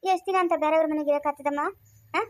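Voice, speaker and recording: A woman playing a gentle rural Kannada aunt. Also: sits high, fairly even intonation, fast talker, dry recording, natural voice. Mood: soothing. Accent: rural Chikkaballapur Kannada. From Karnataka. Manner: sighing, murmured asides with "ha?". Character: elderly village aunt, gentle and long-suffering. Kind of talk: village family skit.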